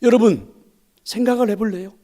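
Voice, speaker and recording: A male pastor preaching a sermon, asking the congregation questions, dropping to near whispers and then rising to loud emphatic lines. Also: high voice, brisk. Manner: swings between loud emphatic lines and soft whispered asides; addresses the congregation directly, asks rhetorical questions.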